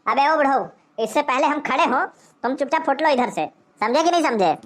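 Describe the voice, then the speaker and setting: A woman's voice: high-pitched, animated, a little fast. A woman voicing a boastful, short-tempered cartoon man who blusters threats. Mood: blustering. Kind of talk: cartoon voice acting.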